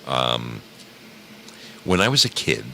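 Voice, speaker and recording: In a rambling, casual monologue for his online radio program's live stream audience, a man jokes around theatrically and repeats phrases for emphasis. His rumbling low voice is gravelly and sharp, slow-paced with a sing-song lilt, and slight background noise can be heard.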